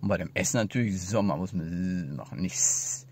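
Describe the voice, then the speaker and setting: A man's voice: low voice, moderate pace, husky. A man in his forties chatting casually and ramblingly to a phone held at arm's length inside a car. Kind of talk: casual rambling chat to camera.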